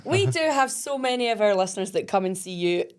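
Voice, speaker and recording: A woman's voice: medium pitch, animated, fairly quick, smooth. A woman co-hosting a radio show, chatting in a bubbly, friendly way. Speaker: radio co-host. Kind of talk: casual radio chat.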